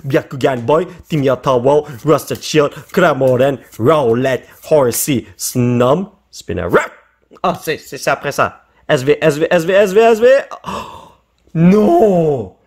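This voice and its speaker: A man, short on sleep, chatting excitedly in a casual vlog while opening trading cards, tossing in English words. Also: fairly high pitch, slow pace. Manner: excitable, shouts and laughs at pulls, mixes in English words. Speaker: YouTuber opening Pokémon cards.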